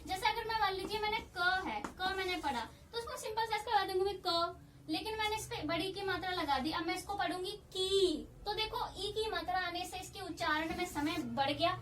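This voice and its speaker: A woman teaching a grammar lesson, explaining slowly and patiently and repeating key points. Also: very high voice, a bit bright, far from the mic, slight background noise. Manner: patient, repeats key points, often says "theek hai".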